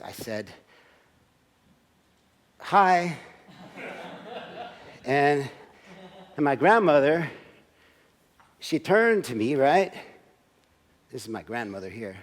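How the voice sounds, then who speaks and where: A man's voice: medium pitch, animated, measured pace, pauses often. A man in his sixties performs a personal story as a stage monologue at a church service. He talks in a conversational way and acts out the scenes with asides to the audience. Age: 60s.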